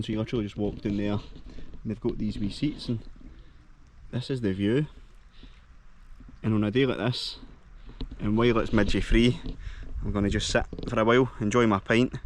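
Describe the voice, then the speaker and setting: A man's voice: lowish voice, a little fast, pauses often, slight background noise. A man with a Scottish accent, chatting casually and enthusiastically as a travel vlogger while walking around a lodge and lochside. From Scotland. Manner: chatty and enthusiastic, heavy on local slang.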